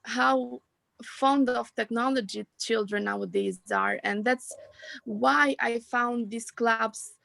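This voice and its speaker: A woman's voice: fairly high pitch, gravelly, dry recording, poor audio. A woman from Albania, chatting reflectively on a video call. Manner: reflective, soft laughs, small grammar slips. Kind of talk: casual video call chat.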